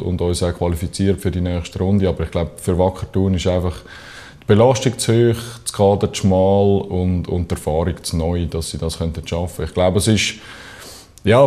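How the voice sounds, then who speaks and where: A young man with a Swiss accent speaks in a low, dark voice. He answers as an athlete in a studio interview, choosing his words in a measured, halting way. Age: young adult. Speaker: professional handball player, team captain. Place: small TV studio.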